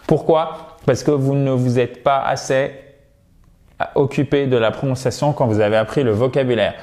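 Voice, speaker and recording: A man's voice: mid-range voice, fairly even intonation, darkish tone. French man teaching English, drilling words. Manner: repeats words slowly to drill them, frequent "ok?". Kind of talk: video lesson, explaining and modelling pronunciation.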